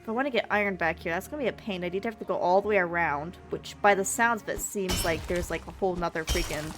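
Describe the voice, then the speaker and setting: A woman's voice: on the low side, fast, soft background music. A woman live streamer giving casual gaming commentary, chatting and thinking aloud with some mild swearing.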